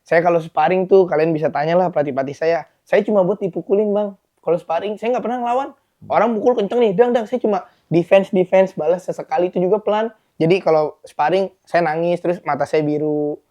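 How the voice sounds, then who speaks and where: Man, quick pace, candid, storytelling, casual podcast chat. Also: high voice, mellow, highs cut off. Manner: open, confessional, storytelling with sound words. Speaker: podcast guest, fighter.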